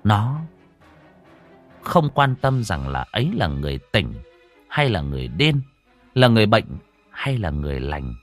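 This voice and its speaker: Expressive low-voiced male storyteller. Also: a little slow, pauses often, faint music behind. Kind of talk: emotional story narration.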